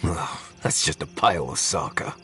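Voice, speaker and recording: An actor playing a bitter, sarcastic adventurer companion in a fantasy video game, lashing out in scornful tirades. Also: male voice, very deep voice, expressive, moderate pace, pushed and bright, faint music behind, heavily acted. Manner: scornful, heated outbursts.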